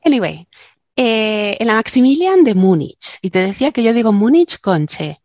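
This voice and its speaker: A woman's voice: fairly high pitch, big pitch swings, moderate pace, darkish tone, dry recording. A woman co-hosting a casual science podcast, a linguist who chats, jokes and explains things with digressions. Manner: chatty, joking, explains with digressions.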